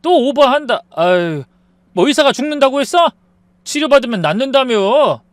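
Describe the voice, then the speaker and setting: A woman voicing a weak-willed young husband who pleads and tries to calm things down. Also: high voice, moderate pace, no echo, pitched above the performer's own voice. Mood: placating. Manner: pleading, exasperated.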